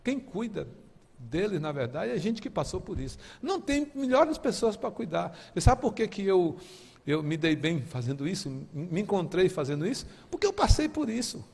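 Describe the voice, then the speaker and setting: A man from Brazil preaching a sermon and telling his own story, impassioned and rising to near shouting at the peaks, with halting restarts and repeated words. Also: high-pitched, very animated, gravelly, slightly rough, long reverb tail. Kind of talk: sermon with personal testimony. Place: church sanctuary.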